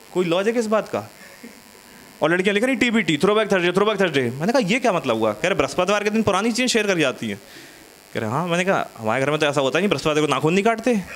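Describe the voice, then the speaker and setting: A male stand-up comic with a notably high voice, spinning stories in a loose, chatty way. He keeps breaking off to banter with his audience on a small studio stage. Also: fairly bright tone. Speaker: stand-up comedian. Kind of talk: stand-up comedy set.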